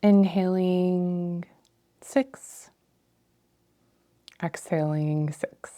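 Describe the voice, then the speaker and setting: Female meditation guide, slightly low register, slow breath counting in short, measured phrases with pauses. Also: fairly even intonation, warm tone.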